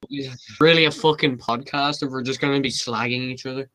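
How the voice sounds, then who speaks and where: A man's voice: medium pitch, steady tone, brisk, a crowd in the background. A man teasing his friends with crude remarks in a casual podcast chat.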